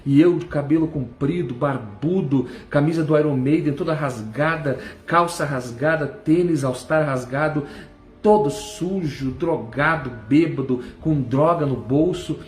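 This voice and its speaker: A middle-aged man from southern Brazil gives a fervent church testimony, breaking into cries of praise. His voice is on the high side and unhurried. The room echoes, with faint music behind him.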